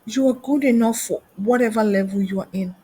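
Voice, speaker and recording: Husky-voiced woman coaching with rhetorical questions. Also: fairly high pitch, fairly quick, dark tone. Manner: asks many rhetorical questions. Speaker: career coach and trainer. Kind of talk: motivational teaching talk.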